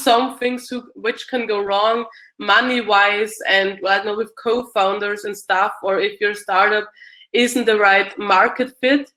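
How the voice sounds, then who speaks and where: Slow, bright-voiced Austrian woman. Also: on the high side. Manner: hesitant, many fillers and restarts. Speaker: speaker answering audience questions. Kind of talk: casual Q&A talk. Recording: echoey room.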